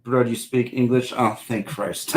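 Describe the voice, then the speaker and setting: A man's voice: mid-range voice, animated, slow, pushed and bright, echoey room, rough recording. A man in his thirties from Ohio, live-streaming and chatting loosely and profanely with his viewers. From Ohio, USA. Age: 30s. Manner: loose, profane, talks straight to chat.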